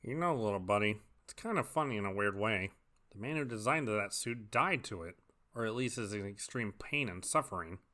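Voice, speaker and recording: Cartoon dog detective, man voicing, wry and wordy, bright tone, lively pitch. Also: a little fast. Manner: wry, wordy, even-tempered.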